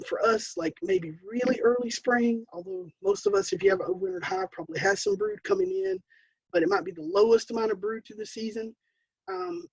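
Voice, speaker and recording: Brief: American woman, beekeeping educator, chatty webinar delivery, lively intonation, husky and gravelly, dull lo-fi line. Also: fairly high pitch, dry recording. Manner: chatty, explanatory, self-deprecating asides. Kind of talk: webinar presentation with slides.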